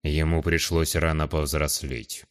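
A man doing a taciturn gruff giant. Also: sits low, brisk, natural voice. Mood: restrained. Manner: quiet, restrained.

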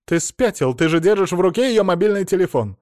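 A screeching, accusing older mother-in-law, her voice pitched high and blaring, as a male narrator puts her on. She rants without pause in this audiobook scene, and the recording is close and dry. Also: no echo, lightly acted. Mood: hysterical.

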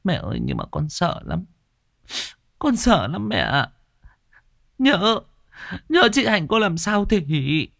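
Man doing a scared young village girl, higher voice, stammers and begs, dry audio. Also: sing-song, slow, a bit bright, no echo, full character voice. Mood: anxious. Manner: hesitant, stammering, pleading. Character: timid young village woman, anxious daughter.

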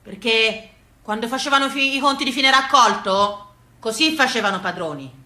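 A stage actress and storyteller with a Tuscan accent performs a theatrical monologue of rustic family memories, folksy, emphatic and rhythmic. Her fairly high voice is pushed and bright, with lively intonation at a normal speed. The recording sounds echoey and roomy.

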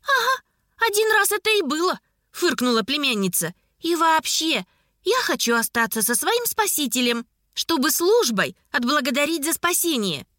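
A woman's voice: high-pitched, very animated, moderate pace, fairly bright tone, no room sound, clean studio sound, voice pushed up. A woman voicing a feisty young red-haired woman who answers back with defiant retorts.

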